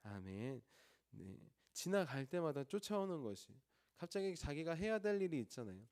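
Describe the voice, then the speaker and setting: A man's voice: fairly high pitch, dark tone. A male pastor preaching an early morning sermon in a church, asking the congregation questions and then answering them himself.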